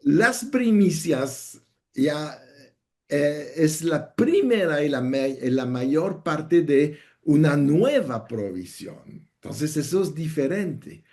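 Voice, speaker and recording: A man explaining a church teaching in a deliberate, conversational way, often ending his points with "¿no?". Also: fairly high pitch, very animated, warm tone. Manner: slow, deliberate, with "¿no?" tags.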